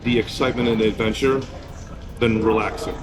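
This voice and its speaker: A man's voice: lowish voice, fairly even intonation, a little fast. A man from Poland answering street-interview questions, giving blunt and candid opinions about travel and dating. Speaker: interviewee, business owner.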